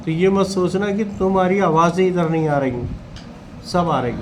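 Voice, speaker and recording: A man teaching in a classroom, calmly coaxing students during a test and calling them by name. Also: high voice, moderate pace, a little hiss or hum.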